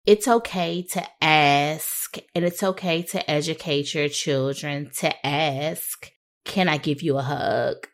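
A woman hosting a podcast, interviewing in a measured, affirming way, and she is a parent. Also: low voice, steady tone. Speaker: podcast host. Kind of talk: interviewing, casual talk.

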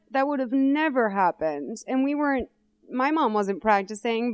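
A young adult woman hosting a podcast, recapping a film in a lively, chatty way and briefly voicing the people she describes. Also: medium pitch, clear, resonant tone. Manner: animated storytelling, quick character voices for the people she quotes. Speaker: podcast host. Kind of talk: casual comedic movie recap chat.

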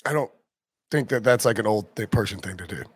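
A man's voice: on the low side, expressive, a little fast, husky, no echo. A man in his forties hosting a casual sports podcast, joking and teasing his co-host. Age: 40s.

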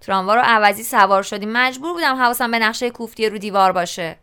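A woman's voice: a little high, bright, forceful tone, clear, resonant tone. A woman voicing a sarcastic, bored sixteen-year-old schoolboy who answers with dry retorts in an audiobook. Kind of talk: audiobook character reading.

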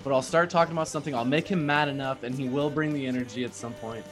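A man hosting a casual sports podcast, chatting and joking with his co-host. His voice sits in a middle pitch, and faint music plays behind him. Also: steady tone, fast talker. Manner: joking, laughs often.

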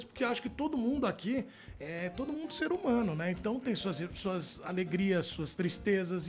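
A Brazilian man in his forties hosting a talk show with loud, showy announcing and effusive, exclamatory chat. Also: high voice. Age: 40s.

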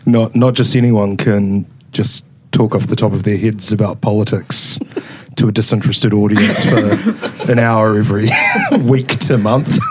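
A man's voice: fairly low pitch, steady tone, measured pace, a little hiss or hum. A man bantering casually in a self-mocking, joking way.

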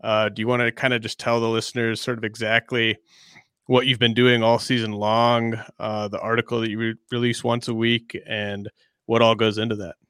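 Male podcast host, crisp and forward voice, casual halting delivery, very dry close sound. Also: lowish voice, little pitch movement, fairly bright tone, no room sound.

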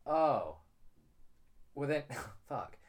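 A man's voice: medium pitch, very animated, extremely slow. A British man co-hosting a podcast, explaining food in a rambling, laughing casual chat. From United Kingdom. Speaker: podcast co-host.

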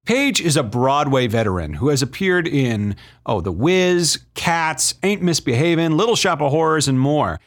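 Lively higher-voiced man presenting music commentary. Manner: chatty, appreciative, emphatic. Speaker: host of a film music commentary show. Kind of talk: enthusiastic scripted film and music analysis.

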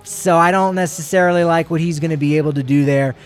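A man's voice: a little high, steady tone, quick pace, clean tone. A man co-hosting a sports show, chatting casually and rambling through sponsor plugs with jokey asides.

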